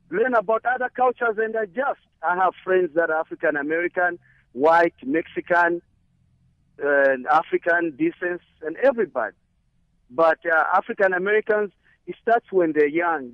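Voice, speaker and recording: A man calls in to a radio show and explains his view in an earnest, measured way, pausing on fillers. His fairly high voice comes through a dull, lo-fi line with a dry sound. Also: no echo. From Zambia. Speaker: caller. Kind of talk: call-in phone conversation.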